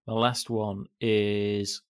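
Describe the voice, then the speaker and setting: A man's voice: lowish voice, little pitch movement, extremely slow, no echo, clean studio sound. A man hosting a podcast, chatting in a laid-back way and swearing casually. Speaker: podcast host. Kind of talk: casual chat.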